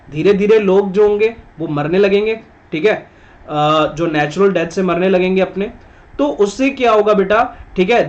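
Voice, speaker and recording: A man teaching a science lesson to students, patiently repeating points and checking that they follow. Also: high voice. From India. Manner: patient, repetitive, addresses students as "beta", frequent "theek hai". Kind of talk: online class lecture. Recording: dull lo-fi recording.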